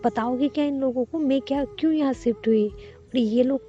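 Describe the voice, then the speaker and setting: A shy, emotional young woman employee, as a woman voices her. She pleads tenderly in a warm, mellow voice. The recording sounds dull and lo-fi, with faint music behind. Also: high voice, normal speed, voice pushed up, lightly acted.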